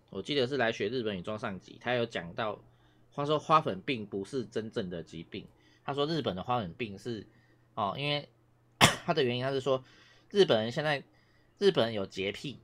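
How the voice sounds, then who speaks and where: A man's voice: on the low side, fairly bright tone. A man teaching Japanese in a casual classroom lecture, rambling and repeating himself with many fillers, coughing now and then.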